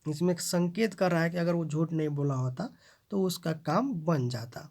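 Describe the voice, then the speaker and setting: A teacher giving a recorded grammar lesson, speaking at an ordinary middle pitch. Each example sentence is read out and then unpacked in plainer words. The viewers are often addressed as friends. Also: moderate pace, vocal fry, darkish tone. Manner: reads each example sentence aloud, then translates and explains it. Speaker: language teacher. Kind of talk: explaining grammar in a video lesson.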